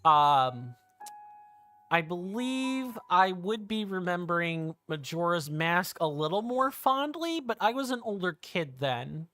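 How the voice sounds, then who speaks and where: Bright-voiced streamer in their thirties. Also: mid-range voice, animated, slow pace, no echo, soft background music. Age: 30s. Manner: rambling, self-correcting, musing aloud. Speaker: streamer playing a video game. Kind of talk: casual let's-play chat.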